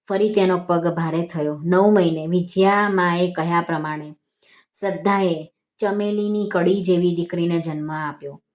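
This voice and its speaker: A woman with a Gujarati accent narrating a devotional vrat story in a calm, measured reading voice. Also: on the low side. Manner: calm, measured reading with quoted dialogue lines.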